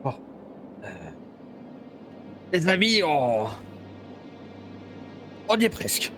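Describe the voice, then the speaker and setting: A man's voice: sits high, sing-song, very slow, fairly bright tone, soft background music, full character voice. A man playing an aging, pompous, stubbornly optimistic knight in a tabletop game, speaking grandly and hesitantly. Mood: pompous, weary. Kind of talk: tabletop role-play acting.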